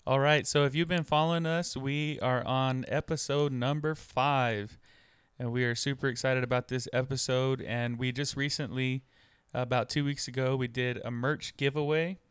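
A man co-hosting a podcast from his home office, easygoing and quick to laugh. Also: medium pitch, fairly even intonation, smooth, no echo, studio quality. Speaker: podcast co-host. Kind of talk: casual podcast chat.

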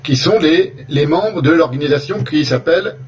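A man delivering a spoken lecture over slides, deliberate, often restarting his phrases as he goes. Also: fairly high pitch, animated, recorded from a distance, highs cut off, a little hiss or hum. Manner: deliberate, with frequent restarts and hesitations.

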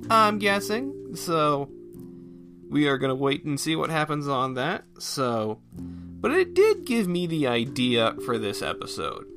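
Chatting on his own, this podcast host wanders from thought to thought in a homespun, self-deprecating style. His voice runs on the high side, sounding pushed and bright.

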